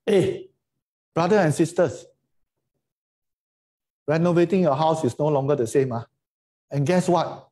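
A man's voice: a little high, unhurried, pauses often, mellow. A middle-aged Singaporean man giving an informal online lecture in colloquial Singlish, emphatic and full of rhetorical questions and tag words. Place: indoors, on a video call.

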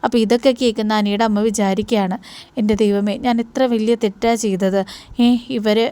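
A woman's voice: medium pitch, fairly even intonation, fairly quick, warm tone, smooth. A woman chatting her way through a TV serial episode, quoting each character's lines in turn. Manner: conversational, tag-question fillers, quoting characters' lines. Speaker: serial episode recap narrator.

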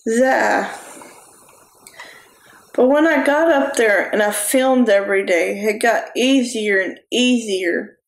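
A young woman giving a personal testimony sermon straight to camera, talking slowly and haltingly with restarts. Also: a little high. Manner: slow, halting delivery with restarts. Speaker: preacher. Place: small room indoors. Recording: echoey room.

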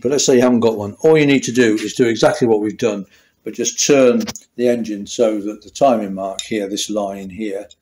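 Older mechanic, chatty how-to narration in a small garage workshop, thinks aloud mid-task. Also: male voice, on the low side, darkish tone. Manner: thinking aloud, restarting sentences while working. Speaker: motorcycle mechanic. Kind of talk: hands-on workshop tutorial.

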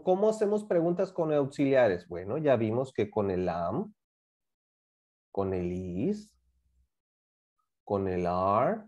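A man's voice: fairly high pitch, dark tone. A man teaching a class, patiently explaining grammar and repeating examples while asking students to join in. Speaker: English teacher.

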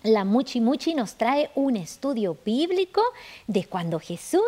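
A woman hosting a children's show, greeting young viewers in a bright, sing-song, exclamatory welcome. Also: on the high side, big pitch swings, measured pace. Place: TV studio children's set.

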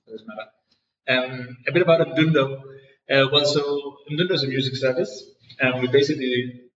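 A Danish startup founder in his thirties answers interview questions in a co-working space office, hesitating with many fillers and restarts. His mid-range voice is a bit bright, and the recording sounds distant and dull in an echoey room with slight background noise.

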